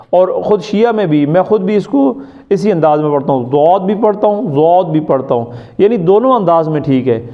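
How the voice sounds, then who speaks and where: A man from Pakistan teaching Quran recitation in class. He drills each sound by repeating it, quizzes his students and keeps checking that they follow. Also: fairly high pitch. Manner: often checks understanding with "ٹھیک ہے؟". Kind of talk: classroom lesson. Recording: muffled lo-fi recording.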